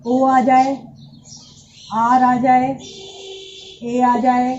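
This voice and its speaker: A woman teacher explains English pronunciation at an unhurried pace. Her voice sits a little high but sounds mellow and soft-edged. The lo-fi recording is muffled, with faint hiss and birdsong behind her. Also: completely flat delivery. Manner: patient, repeats words and addresses students directly. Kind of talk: classroom lesson explaining pronunciation.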